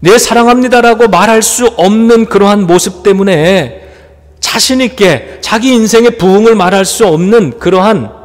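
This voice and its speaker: Pastor guy preaching, asks lots of questions, slightly high pitch, big echoey church hall. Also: moderate pace. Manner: earnest, reflective preaching with rhetorical questions. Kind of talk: sermon. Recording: long reverb in a church hall.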